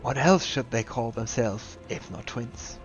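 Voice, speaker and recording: A muddled old custodian rambles on, drifting between questions and half-remembered boasts, as a man reads him aloud. The voice sits at an ordinary middle pitch. Faint game music plays under a slightly dull, lo-fi recording. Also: animated, measured pace, natural voice. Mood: rambling. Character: old, confused male museum custodian, rambling.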